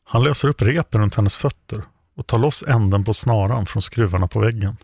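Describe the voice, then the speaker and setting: A man with a low, gravelly voice narrates a true crime story. His reading is steady and measured, recorded close and dry with no room sound. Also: no echo.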